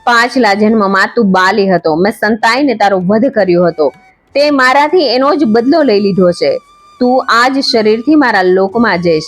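Calm divine god, as a woman narrator reads him. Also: medium pitch, normal speed, faint music behind, natural voice. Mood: serene. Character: calm divine male god consoling mortals.

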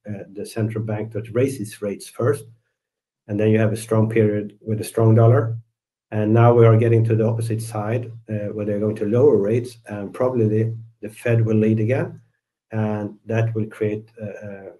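A middle-aged man from Sweden, a guest fund manager, talks through the markets in a low, flat voice. His tone is mellow and he is measured, often repeating a word before going on. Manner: measured, repeats words while searching for phrasing. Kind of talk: interview answers.

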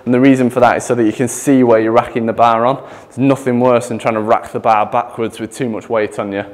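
A man's voice: medium pitch, flat delivery, fast. A man, out of breath, demonstrating gym exercises as a chatty fitness coach who laughs at himself. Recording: echoey gym with long reverb.

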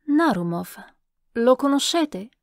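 A young male officer full of light banter, as a woman reading the story puts him on. Brisk and teasing, slightly raised in pitch, in a dry close recording. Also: very animated, vocal fry, dry recording, exaggerated voice.

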